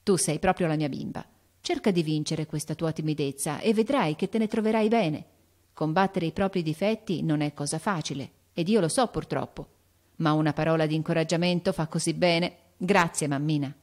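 A woman voicing a spirited, impulsive teenage girl in an audiobook, with an excited, emphatic delivery. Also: low voice, moderate pace, lightly acted. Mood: eager. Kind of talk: audiobook character voice.

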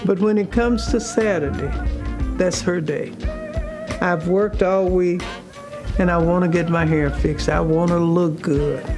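An older woman, a longtime salon client, recalling the past in an unhurried, heartfelt way. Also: on the low side, music in the background. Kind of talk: interview, reminiscing.

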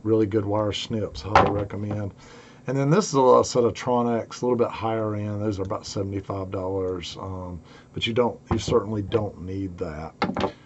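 A middle-aged man, hoarse and raspy with a cold, giving a casual, folksy instructional talk to camera from a home basement workshop. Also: on the low side, steady tone, moderate pace, highs cut off. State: congested and hoarse from a two-week cold and sore throat. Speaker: host of an electronics build tutorial. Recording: clearly noisy home workshop recording.

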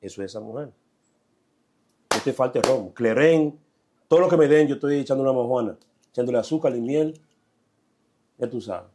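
Dominican guest, young man, mellow voice, slangy storyteller. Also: medium pitch, fairly quick, pauses often, breathy edge. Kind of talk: casual life-story interview.

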